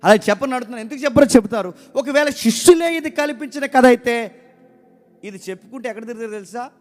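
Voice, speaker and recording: A man's voice: very high-pitched, quick pace, faint music behind. A man preaching a sermon, firing rhetorical questions at his listeners, repeating key words for emphasis and urging them to listen well.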